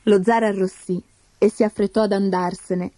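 A woman narrating a fairy tale in a steady, measured scripted reading. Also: medium pitch, dry recording, clean studio sound. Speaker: storyteller.

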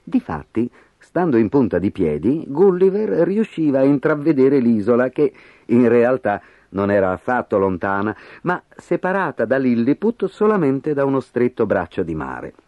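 Animated male storybook narrator. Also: medium pitch, moderate pace, dry recording. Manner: expressive, animated reading. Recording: slightly dull audio with faint music.

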